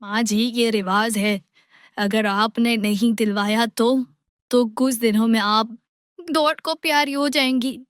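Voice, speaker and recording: A woman plays a clever young cartoon daughter-in-law who speaks slowly in a somewhat high voice. The sound is dry and close. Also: steady tone, dry recording, close to an everyday voice. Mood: sly. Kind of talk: cartoon voice acting.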